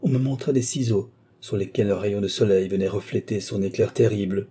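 A man's voice: lowish voice, a little fast, warm tone, husky. A man reading the part of a distraught young woman who urgently recounts her abduction, in an audiobook. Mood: haunted. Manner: urgent, dramatic first-person telling.

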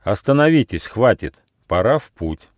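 A man's voice: lowish voice, very animated, normal speed, no echo, studio quality. A man voicing a kind little male gnome who leads his friends in a fairy tale, speaking firmly and reassuringly.

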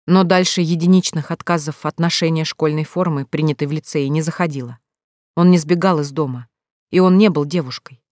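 Dry, measured audiobook narration. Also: mid-range voice, no echo. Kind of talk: scripted narration.

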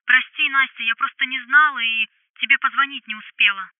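A woman's voice: high voice, a little fast, no room sound, voice pushed up. A woman reading an audiobook, voicing a guilty young female coworker who apologizes hurriedly and falters, heard through a telephone filter. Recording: tinny phone-line sound.

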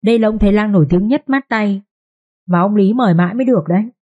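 A woman's voice: medium pitch, fast talker, dark tone, muffled recording, natural voice. A woman playing a sugary, scheming second wife. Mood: commanding. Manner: falsely sweet, coaxing. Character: scheming second wife, sweet-voiced and cruel.

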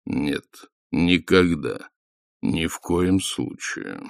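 An ancient, solemn Death speaks in a deep, hollow voice, as a man voices him for an audiobook, each word slow and weighty. The recording is dry and close. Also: no room sound, full character voice. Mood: flat refusal. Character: Death, ancient skeletal male, grave and solemn. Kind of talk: audiobook character voice.

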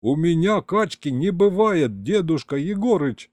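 A man's voice: on the high side, lively intonation, unhurried, no room sound, studio quality, voice pushed up. Man doing a touchy talking starship. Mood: indignant. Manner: indignant, yelling. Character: touchy talking starship, young-sounding and loud.

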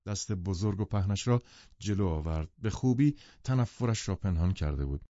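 Low, mellow male audiobook narrator. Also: no room sound, highs cut off. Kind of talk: scripted literary narration.

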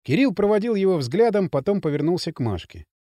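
A man reading an audiobook as its narrator, in an expressive, dramatic way. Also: high-pitched, fast, dry recording, clean studio sound. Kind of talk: scripted narration.

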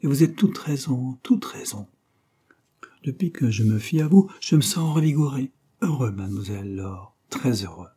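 A man's voice: medium pitch, lively intonation, normal speed, warm tone, husky. A man voicing a fussy, sentimental elderly English invalid who repeats himself and hesitates. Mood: fond. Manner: fond of repeating words, hesitant.

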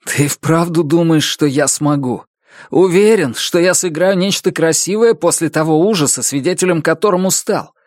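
A hoarse, desperate young musician breaks into strained, high-pitched cries, as a man reading the story puts him on. He sounds wracked with guilt. The recording is dry and close, like an audiobook. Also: normal speed, darkish tone, no room sound, lightly acted. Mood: anguished.

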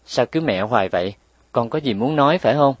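A man voicing a tender but firm mother who explains patiently and scolds gently, in a raised voice. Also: mid-range voice, lively intonation, fairly quick, no room sound, voice pushed up, natural voice.

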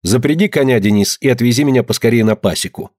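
A man reading a story, voicing a defiant young peasant woman who answers with sharp, biting retorts. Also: medium pitch, fast, dry recording, clean studio sound, lightly acted. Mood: calm curt.

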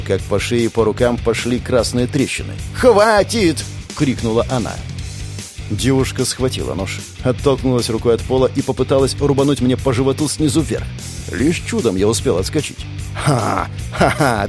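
A man's voice: medium pitch, a little fast, a little mellow, soft background music. A man reading a first-person audiobook in a tense, gritty storytelling manner. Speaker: audiobook narrator.

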